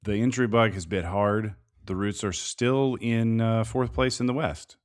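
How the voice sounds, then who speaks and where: A man co-hosting a casual sports podcast, talking through soccer analysis in a measured way, thinking aloud with plenty of fillers. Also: lowish voice, fairly even intonation. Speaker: podcast co-host.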